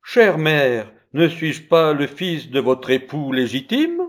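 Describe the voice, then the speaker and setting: A man's voice: a little high, very animated, slow pace, voice pushed up, full character voice. A man playing a furious threatening judge. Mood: stern. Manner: loud angry threats.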